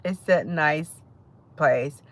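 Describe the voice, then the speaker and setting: Speaking extremely slowly in a deep voice, an adult Jamaican woman with a Jamaican accent runs a live stream. She keeps the chat casual, calling out viewers by name and laughing often.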